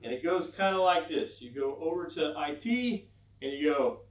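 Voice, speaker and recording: Middle-aged male speaker, a bit high-pitched, wry and joking, recorded from a distance in an echoey room. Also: expressive, normal speed, lo-fi sound. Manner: wry, acts out mock dialogues. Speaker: conference speaker. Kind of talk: humorous technical talk. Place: event room with an audience.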